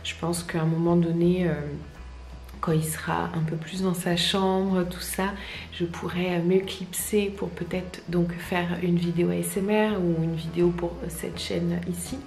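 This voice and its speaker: A young woman chatting casually to her viewers in a soft-spoken, hesitant and reflective way. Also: lowish voice, little pitch movement, measured pace. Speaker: vlogger and ASMR creator. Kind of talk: casual personal vlog, talking to viewers. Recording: roomy, echoey sound with faint music.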